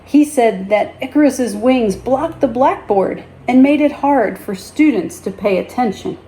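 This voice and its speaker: A woman reading a children's story aloud as a teacher, in a deliberate, expressive storytelling manner. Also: a little high, low-quality recording.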